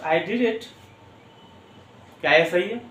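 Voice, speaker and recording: A man teaching an English grammar lesson, repeating example sentences slowly and word by word to drill them in. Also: sits high, fairly bright tone, a little hiss or hum. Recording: echoey room, mic at a distance.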